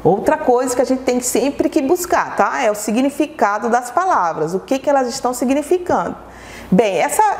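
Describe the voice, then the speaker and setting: A woman's voice: on the high side, echoey room, in a large hall, slight background noise. A woman from Brazil teaching a televised lesson to children, patiently asking questions and answering them herself.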